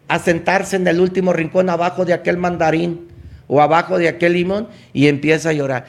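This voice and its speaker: A man giving a motivational talk, driving points home with emphatic, repeated exhortations. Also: high-pitched. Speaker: motivational speaker.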